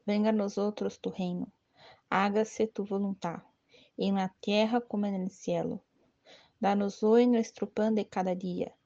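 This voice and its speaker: A woman leading a guided devotional prayer, reciting in a measured, steady way. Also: mid-range voice, lo-fi sound. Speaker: prayer leader.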